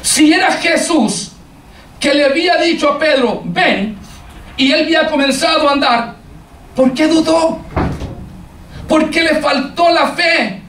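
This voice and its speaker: A man preaching a sermon to a congregation, halting and repeating words as he searches for them, and addressing his listeners directly. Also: very high voice, a bit bright, slight background noise. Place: church hall. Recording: echoey room, far from the mic.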